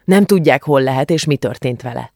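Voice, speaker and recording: A woman's voice: a bass voice, a little mellow, no room sound, clean studio sound. A woman reading the part of a brash, cheeky teenage girl who speaks bluntly and offhandedly, in an audiobook. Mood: brisk, informative.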